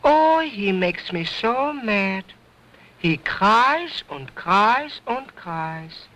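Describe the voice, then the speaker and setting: Cheeky ventriloquist dummy: fresh-mouthed, broken grammar, singsong and slow, old film sound. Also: male voice, high-pitched, big pitch swings, sharp tone, dull audio, pitched above the performer's own voice, heavily acted. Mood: sassy. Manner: wisecracking, sassy, broken grammar, slow drawl. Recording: vintage 1929 film soundtrack.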